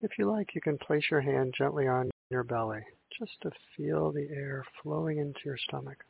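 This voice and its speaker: A man leading a guided meditation in a slow, soothing sleep story narrator manner, with long pauses between gentle instructions. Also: a little high, creaky, slightly rough. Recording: muffled, phone-like narrow sound.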